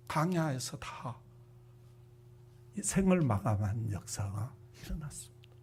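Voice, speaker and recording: A male pastor preaching a sermon with dramatic storytelling, swinging from hushed asides to loud outbursts, then leading a prayer. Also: high-pitched, breathy edge.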